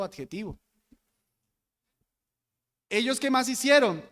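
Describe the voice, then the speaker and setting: High-voiced man teaching a Bible class. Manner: animated, repeats words for emphasis, corrects himself often. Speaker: deacon teaching Bible school.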